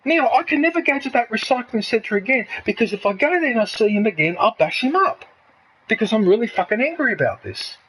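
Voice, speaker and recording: A man's voice: very high-pitched, very animated, fairly quick, a bit bright, breathy edge, poor audio. A man in his fifties from Australia, ranting angrily and swearing heavily in a casual chat. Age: 50s. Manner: heated, swearing, repetitive ranting. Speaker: streamer.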